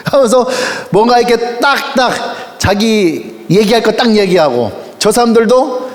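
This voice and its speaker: A man's voice: high voice, sing-song, measured pace. A male pastor preaching a sermon with a playful storytelling manner, acting out little quoted voices and laughing often. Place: large auditorium. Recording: long hall reverb.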